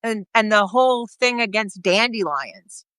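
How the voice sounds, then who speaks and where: A woman's voice: mid-range voice, lively intonation, measured pace, fairly bright tone, clean tone, no room sound. A woman talking casually in a live video chat, rambling and restarting her sentences as she explains. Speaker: guest speaker on health. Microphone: video call.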